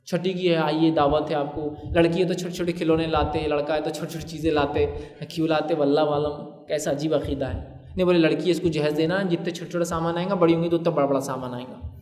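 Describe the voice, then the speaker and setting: A man's voice: fairly high pitch, steady tone, a little mellow. A man preaching a sermon in a conversational way, asking rhetorical questions and acting out bits of dialogue. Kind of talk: Urdu sermon lecture. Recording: echoey hall reverb.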